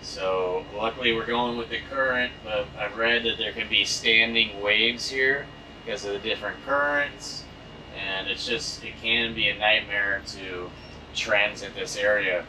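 Low-voiced man narrating from a sailboat. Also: fairly even intonation, measured pace, background noise. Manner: matter-of-fact, explains as he goes, many fillers. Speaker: sailing vlogger and boat skipper. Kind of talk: casual on-board narration. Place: aboard a sailboat on open water, outdoors. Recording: voice with background music. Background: music playing under the voice.

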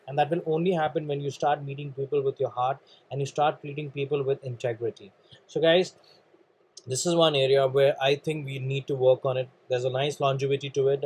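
A man from India with an Indian English accent gives an earnest motivational training talk on networking, often calling listeners "guys" while coughing and clearing his throat. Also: mid-range voice, darkish tone, poor audio.

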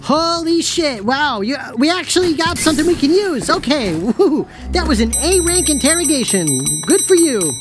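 A woman's voice: high voice, very animated, normal speed, few pauses, music in the background. A woman voicing a perky female AI detective device, sing-song and upbeat, in video game dialogue.

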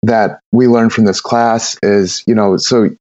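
A man's voice: lowish voice, steady tone, a little slow, a little mellow, no echo, lo-fi sound. A man talking casually as a brewer guest on an interview podcast, rambling with many repeated words and fillers.

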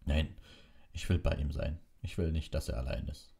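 A man voicing a huge, gentle male gamekeeper who speaks with tearful emotion. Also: very deep voice, fairly even intonation, normal speed, vocal fry, exaggerated voice. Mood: emotional. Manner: emotional, sobbing.

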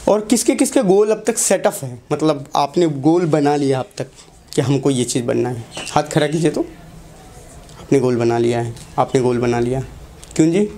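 A man's voice: a little high, normal speed, dark tone, slight background noise. A young man, a teacher giving a motivational talk to students in a classroom, asking the class short questions and repeating key lines.

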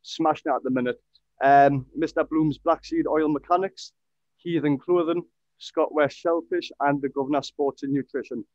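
Young guy hosting a podcast on a headset, chatty, bit high voice, dry dull sound. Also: fairly even intonation, normal speed, a little mellow, dry recording. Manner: chatty, upbeat, says "brilliant" often. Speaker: podcast host. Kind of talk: casual interview. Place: home room with fight posters.

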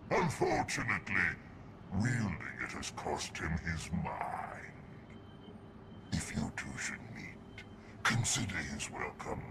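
An actor voices a decadent, pompous alien emperor for video game cutscene dialogue, using a full character voice that's gravelly and booming, sinking into whispers as he relishes each word. The background is noisy.

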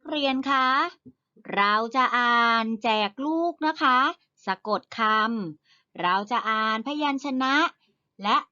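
Woman teacher reading aloud to small children, crisp bright voice, very slow and deliberate, slightly dull recording. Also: fairly high pitch, lively intonation. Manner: slow, deliberate, word-by-word with loud emphasis on key words.

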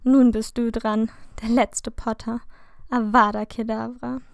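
A woman voicing a cruel male dark wizard in a fan fiction reading, snarling and mocking in a raised voice. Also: fairly high pitch, level tone, measured pace, no room sound, studio quality, natural voice. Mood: cold, menacing.

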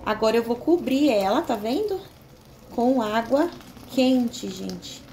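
Explaining a recipe step by step from her home kitchen, this young Brazilian cooking vlogger often checks in with viewers by asking "tá?". She has a Brazilian Portuguese accent and a slightly high, expressive, warm voice, speaking slowly and chattily. A little background noise is audible.

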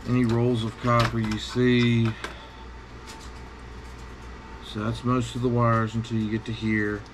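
Working at a cluttered bench indoors, a man demonstrates scrapping in a casual, practical way, speaking in short, plain phrases. His mid-range voice is flat and moves at normal speed, with obvious workshop noise around him.

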